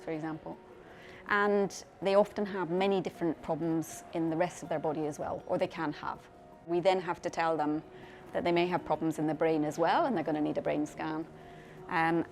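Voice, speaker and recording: A woman's voice: fairly low pitch, darkish tone. Thoughtful middle-aged woman explaining her work. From Scotland, raised in Belgium. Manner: thoughtful, explanatory, with restarts and repeated words. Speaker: clinician scientist in paediatric dermatology. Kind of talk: profile interview talk.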